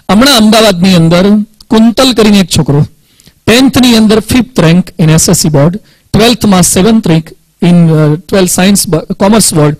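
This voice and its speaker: A man's voice: high-pitched, no echo, rough recording. A man with a Gujarati accent giving a motivational talk to students, telling stories and acting out dialogue, with English words mixed in.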